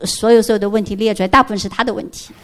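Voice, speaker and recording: A woman's voice: medium pitch, steady tone, very fast. A middle-aged woman giving an emotional church testimony, telling her story earnestly and dropping in English words.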